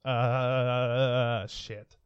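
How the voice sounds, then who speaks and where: A man's voice: mid-range voice, little pitch movement, drawn-out words, smooth, highs cut off. A man co-hosting a casual podcast, joking and swearing freely with his friends. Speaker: podcast co-host. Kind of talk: casual chat.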